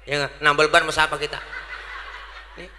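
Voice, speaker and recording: Bright-voiced joking preacher. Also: male voice, on the high side, level tone, moderate pace. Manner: joking, playful, puts on regional voices for laughs. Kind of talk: comic sermon to a congregation. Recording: long hall reverb, faint background noise.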